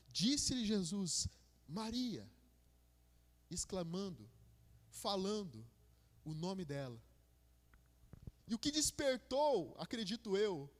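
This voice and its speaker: A man preaching a sermon as a minister, with a Brazilian Portuguese accent, building to fervent passages and calling listeners "my brother". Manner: rising to fervent, high-pitched preaching. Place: church hall. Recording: long church-hall reverb.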